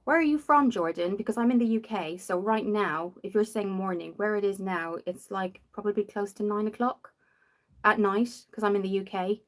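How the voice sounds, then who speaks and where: Hosting a livestream about makeup, this young Dubliner talks at a normal speed in a mid-range voice, her Irish accent softened by years in the UK. She's chatty and rambling, reading viewers' comments aloud and answering them.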